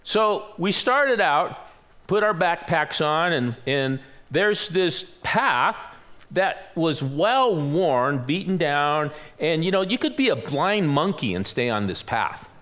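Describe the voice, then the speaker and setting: A man's voice: a little high, sing-song, takes it slowly, fairly bright tone. Storytelling older man preaching a sermon. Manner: storytelling, acts out quoted voices, self-deprecating humor. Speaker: pastor. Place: church sanctuary.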